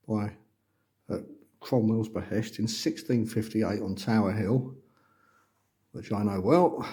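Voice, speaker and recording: A man's voice: mid-range voice, mellow, no echo. A man giving casual, matter-of-fact, off-the-cuff sightseeing narration, recorded on a phone out on location. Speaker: holiday vlogger. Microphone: handheld phone. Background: clear ambient noise, sometimes rain.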